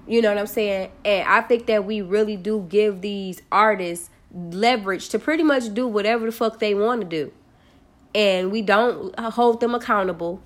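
A young woman talking in a blunt, animated and profane way, in casual chat as a podcast co-host. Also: mid-range voice, moderate pace.

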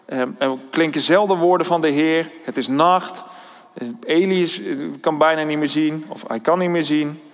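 A man preaching a sermon, thoughtful and hesitant, often pausing on fillers and restarting his sentences. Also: fairly high pitch, fairly even intonation. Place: church hall. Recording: long church-hall reverb.

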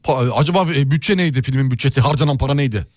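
A man's voice: medium pitch, rapid-fire, no echo. Joking male co-host, dry close sound. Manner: joking, playfully clueless. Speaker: radio co-host. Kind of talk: casual joking banter.

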